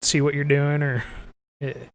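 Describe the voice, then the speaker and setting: A man's voice: fairly high pitch, level tone, slow pace. A man co-hosting a podcast in casual chat, laid-back, laughing easily and trailing off. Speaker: podcast co-host.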